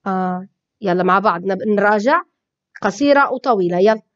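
A woman with a Libyan Arabic accent, teaching a children's phonics lesson with slow, drawn-out syllables, saying each sound twice. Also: medium pitch, dry recording. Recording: dull lo-fi recording.

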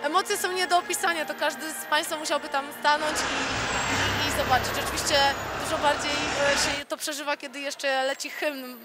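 A woman athlete answering in a post-event interview, hesitant and halting, with many fillers. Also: high-pitched, fairly even intonation. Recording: loud music behind.

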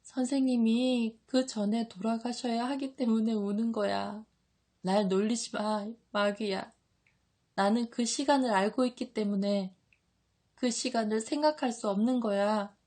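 A woman's voice: on the high side, steady tone, a little slow, darkish tone, voice pushed up. A woman reading an audiobook, voicing a young male disciple who pleads and trembles while crying. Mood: tearful.

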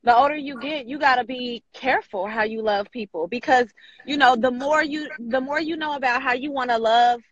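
A woman's voice: sits high, fairly quick, dry recording. Woman on a lo-fi call from her car. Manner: chatty, agreeing, relaxed slang. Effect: calling in from her car, lo-fi phone line. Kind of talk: casual chat. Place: in a car while driving.

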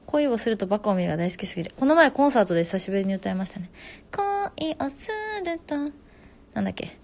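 A woman in her twenties hosting a casual live stream at home on her phone. She reads viewer comments aloud and answers them quickly. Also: mid-range voice, lively intonation, gravelly, darkish tone.

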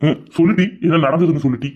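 A man plays a sarcastic middle-aged husband who scolds his crying wife. His voice sits a little high, and the recording is dull and lo-fi. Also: rapid-fire, close to an everyday voice. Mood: scolding. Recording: dull lo-fi sound.

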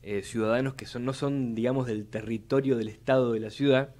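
Live on radio in a studio, a young Buenos Aires-accented city legislator speaks into a boom-arm mic in a medium-pitched, darkish voice, fairly quick with fairly even intonation. His measured policy talk is formal, and he often repeats words while building long arguments.

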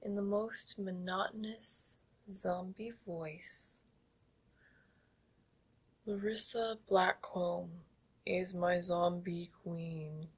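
Woman as a husky whispering stage hypnotist. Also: fairly low pitch, steady tone, full character voice. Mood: playful. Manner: soft whispery commands, slow and soothing. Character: commanding female stage hypnotist, playful zombie queen. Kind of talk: ASMR hypnosis roleplay.

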